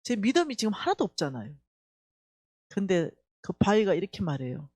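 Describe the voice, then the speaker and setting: Woman, Gyeongsang Korean accent, church testimony speaker; lively, swooping delivery; acts out dialogue; dry close sound. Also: mid-range voice, moderate pace, slightly rough, dry recording. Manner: animated storytelling, acting out dialogue. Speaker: church staff member giving testimony. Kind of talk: emotional revival testimony.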